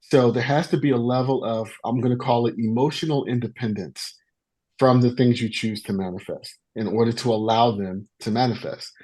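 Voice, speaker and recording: Calm man musing on life philosophy. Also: mid-range voice, normal speed, breathy edge. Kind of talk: reflective casual talk.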